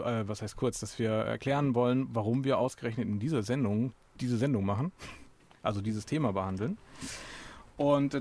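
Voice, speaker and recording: A man's voice: medium pitch, a little mellow. A male radio host talking casually with some fillers and reading aloud.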